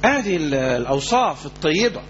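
A male preacher with an Egyptian accent gives a lively teaching talk, his voice sitting high and rising sharply whenever he quotes someone. The recording sounds dull and lo-fi, with a faint hum underneath. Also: quick pace. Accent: Egyptian Arabic. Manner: animated storytelling, quoting and mimicking people. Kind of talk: Islamic lecture on the Prophet's biography.

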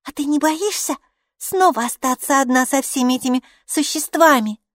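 A woman voicing a feisty little girl in a children's audiobook, speaking in a high, squealing voice. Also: moderate pace, no echo, studio quality, close to an everyday voice. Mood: excited.

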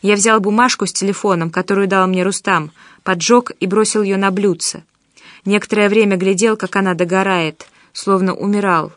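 A woman narrating an audiobook in an even, measured reading. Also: medium pitch, no echo. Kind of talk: scripted narration.

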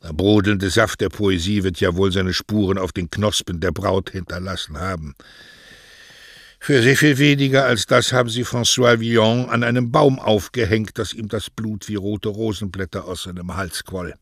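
A man's voice: lowish voice, normal speed, a bit bright, dry recording, studio quality. A man voicing an aging male poet who talks in a theatrical, mocking, florid way.

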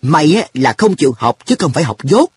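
Guy doing a hot-headed schoolboy for a storybook, high-ish voice that swings up and down, really husky. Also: very animated, fast, dry recording, full character voice. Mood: earnest. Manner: raised, indignant boyish voice. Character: boy narrator, schoolboy, earnest and quick-tempered.

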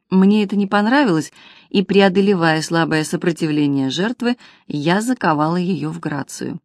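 A woman narrates a novel in a brisk, ironic storytelling voice, pitched a little low. She is close on the mic, and the recording is dry with no room sound. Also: darkish tone, no echo. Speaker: audiobook narrator. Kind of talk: scripted narration of a humorous detective novel.

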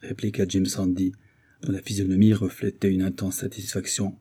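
A male narrator reads a classic novel aloud in an even storytelling manner. His voice sits low and very dark. It has a husky edge. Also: moderate pace. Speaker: audiobook reader. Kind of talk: scripted narration.

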